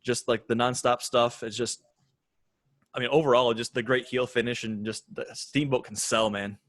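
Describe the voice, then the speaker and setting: A man's voice: mid-range voice, little pitch movement, moderate pace, fairly bright tone, dry recording. Easygoing male podcast co-host who leads the segments, dry close recording. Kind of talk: casual chat.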